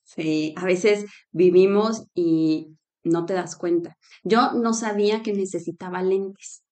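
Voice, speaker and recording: A woman's voice: fairly low pitch, slow pace. Laughing woman telling stories. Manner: storytelling, laughs often, animated quotes. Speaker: co-host. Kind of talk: casual faith-based chat.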